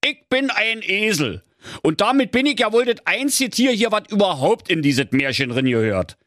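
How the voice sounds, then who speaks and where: A man's voice: sits high, sing-song, moderate pace, a bit bright, no echo, studio quality, pitched above the performer's own voice. A man voicing a grumpy, bossy male donkey with a Berlin accent in a comic audiobook. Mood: furious. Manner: bossy, blustering, Berlin slang. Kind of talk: audiobook fairy-tale parody.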